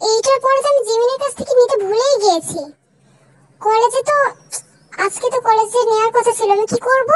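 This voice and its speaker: Girl voicing a shy jittery college girl, stammers a lot, super high voice, bit of hiss. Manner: stammering, flustered. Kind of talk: fan dub voice acting.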